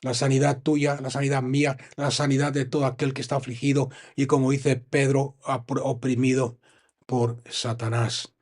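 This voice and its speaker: A man with a Spanish accent from Spain, preaching a sermon and reading Bible verses aloud, with frequent pauses to comment and stress his points. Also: mid-range voice, little pitch movement, darkish tone. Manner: reads scripture, then stops to comment and stress points. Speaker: pastor.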